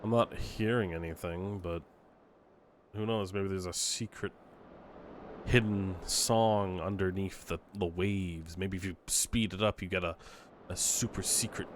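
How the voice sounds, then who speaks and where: Low-voiced man, slow let's play commentary. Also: fairly even intonation, slight background noise. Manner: wry, grumbling, swears. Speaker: gaming video host.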